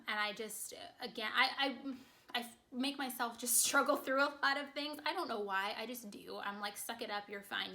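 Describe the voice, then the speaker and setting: Fast-talking congested woman vlogger. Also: a little high, creaky, sharp tone. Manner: talks very fast, chatty. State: short of breath. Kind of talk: casual chat to camera.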